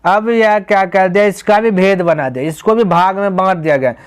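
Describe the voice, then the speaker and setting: In a grammar lesson, a man with a high, clean-toned voice speaks at normal speed. He takes the students through the material one step at a time, raising rhetorical questions and answering them, and calls each of them "my brother."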